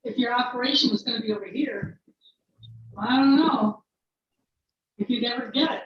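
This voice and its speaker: A woman's voice: fairly high pitch, moderate pace, a little hiss or hum. Give me a woman's voice, muffled as if through a wall. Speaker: video call participant. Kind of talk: casual chat. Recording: echoey, dull unmuted call audio.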